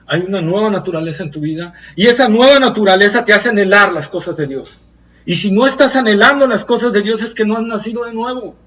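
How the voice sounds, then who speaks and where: Male preacher, high-pitched, earnest and emphatic, recorded at a distance. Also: fairly bright tone. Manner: earnest, emphatic, slows to stress key phrases. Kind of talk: Bible study sermon.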